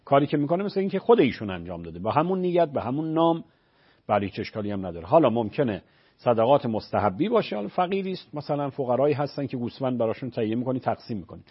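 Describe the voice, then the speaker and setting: Raspy man explaining on call-in radio. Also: medium pitch, big pitch swings. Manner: explanatory, patient, uses examples. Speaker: religious scholar answering callers. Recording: dull lo-fi radio broadcast.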